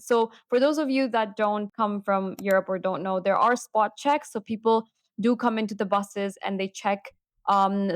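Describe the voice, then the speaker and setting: A young woman from Hong Kong, chatty and animated, talking casually to camera in a vlog. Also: fairly high pitch, no room sound. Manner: chatty and animated, with emphatic repeats. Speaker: vlogger.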